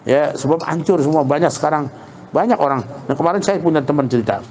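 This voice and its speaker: A man giving a casual religious lesson, colloquial and lively, repeating points for emphasis. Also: fairly high pitch, quick pace, a little hiss or hum. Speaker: Islamic preacher.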